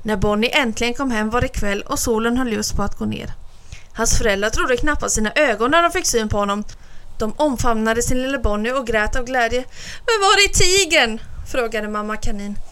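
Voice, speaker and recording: Female storyteller, fairy-tale reading, slightly high voice, measured and calm. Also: smooth. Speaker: narrator.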